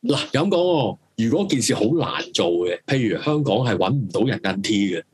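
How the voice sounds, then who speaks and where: A man's voice: medium pitch, sing-song, a little fast, husky. A man with a Hong Kong Cantonese accent hosting a casual, opinionated live stream, emphatic and rambling, circling back over his phrases and swearing freely. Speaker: talk show host.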